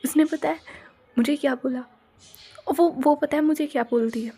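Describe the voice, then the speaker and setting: A woman's voice: high voice, normal speed, dark tone. A woman doing a gushing lovestruck schoolgirl. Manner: gushing, slangy, exaggerated. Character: lovestruck teenage schoolgirl, dramatic and playful. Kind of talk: Hindi audio story role-play.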